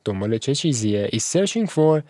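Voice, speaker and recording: Lively man teaching vocabulary. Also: mid-range voice, no echo, clean studio sound. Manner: spells words slowly and repeats them for learners; switches between Persian explanation and slow English reading. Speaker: English teacher. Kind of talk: textbook vocabulary lesson.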